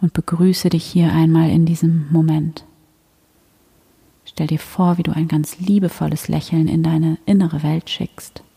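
A woman leading a guided meditation in a gentle, hushed, soothing manner like a sleep story narrator, with long pauses. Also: low voice, level tone, gravelly, slightly rough. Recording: long hall-like reverb.

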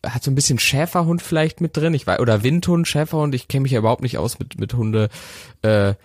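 A man's voice: medium pitch, fairly quick, no echo, studio quality. A man in his late twenties co-hosting a casual podcast over a remote call, rambling with many fillers and restarts. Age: late 20s. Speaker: podcast co-host. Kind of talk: casual chat. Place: holiday house. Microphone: remote call with a shaky connection.

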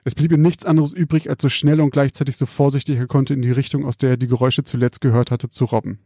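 A man calmly reading out a scripted spooky story in a measured, quiet storytelling manner. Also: medium pitch, no echo, studio quality.

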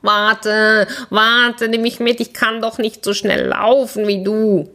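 A woman voicing a male frog in a spoken fairy tale, drawn-out and wheedling as he bargains. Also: fairly high pitch, level tone, sharp tone, voice pushed up, heavily acted. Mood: pleading. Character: male frog pleading from a well.

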